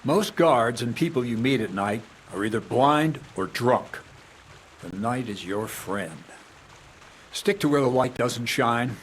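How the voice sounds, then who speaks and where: An actor playing a blunt, coarse medieval thief who lectures on stealing, in a video game. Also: male voice, mid-range voice, animated, unhurried, a little hiss or hum, close to an everyday voice. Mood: lecturing. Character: gruff older male medieval thief, blunt and crude.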